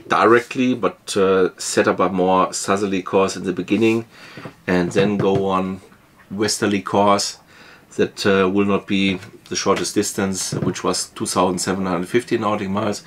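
A man in his fifties, a native German speaker, calmly explaining his sailing plans from the saloon of his boat. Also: low-pitched, slight background noise. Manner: measured, explains step by step with small fillers. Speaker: sailing vlogger. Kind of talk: casual planning talk to camera. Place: wood-panelled boat saloon, later on deck in a marina.

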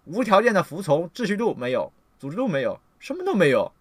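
A man giving a ranting livestream lecture, scolding his audience and swearing often, jumping between loud outbursts and low muttering. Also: huge pitch swings, fast talker, breathy edge, no room sound, studio quality. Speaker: livestream lecturer on political theory.

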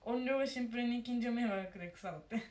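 A young woman, co-hosting a livestream chat with quick blunt retorts. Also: on the high side, a little mellow, reverberant. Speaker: co-host.

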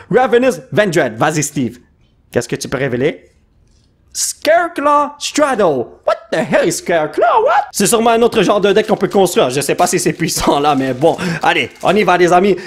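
A man, giving excitable, casual commentary while opening trading cards, reading out card names and dropping English exclamations. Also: high-pitched, breathy edge.

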